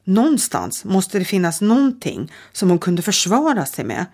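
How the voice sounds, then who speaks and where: A middle-aged woman reading a children's audiobook with steady, calm storytelling. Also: medium pitch. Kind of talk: audiobook narration.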